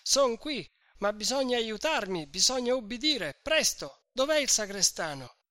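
A reader voicing a village headman who gives brisk orders from the middle of a crowd. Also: mid-range voice, big pitch swings, fairly bright tone, dry recording, clean studio sound, pitched above the performer's own voice. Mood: commanding. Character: village headman taking charge.

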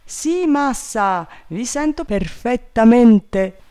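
A man voicing an eager, simple-minded male servant calling down from a tree, in a high, drawling, plaintive voice. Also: animated, drawn-out words, dark tone, clear, resonant tone, full character voice.

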